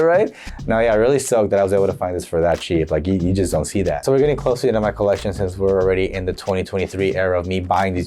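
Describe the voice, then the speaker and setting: A man's voice: sits low, a little mellow. Chatty young man with a sick voice. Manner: chatty, upbeat, filler-heavy. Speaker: jersey collector vlogger. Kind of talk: casual show-and-tell.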